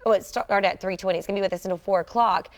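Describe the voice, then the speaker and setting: A female weather anchor delivers live storm warnings at a middling pitch. She is earnest and emphatic, speaking off the cuff to viewers. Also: fairly even intonation, racing. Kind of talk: live severe weather commentary.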